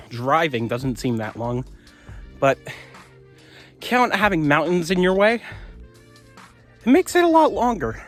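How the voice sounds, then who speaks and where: Young man, hiking vlog, out of breath, chatty and rambling, outdoors on a trail, handheld camera, faint music. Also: a little high. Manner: chatty, self-narrating and a bit rambling. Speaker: vlogger. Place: wooded trail outdoors, windy.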